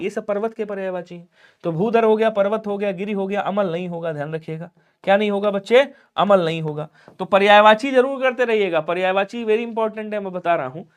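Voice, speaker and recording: A man with a notably high voice runs an exam-prep grammar lesson. He drills each word by repeating it and keeps telling his students to remember it. He poses questions to the class and answers them in the same breath. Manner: addresses students directly, asks and answers his own questions. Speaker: teacher.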